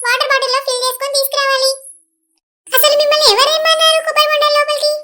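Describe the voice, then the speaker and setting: A woman voicing a brisk, bossy hospital nurse in an animated comedy, giving firm, scolding instructions. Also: very high voice. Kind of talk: animated village comedy voice acting.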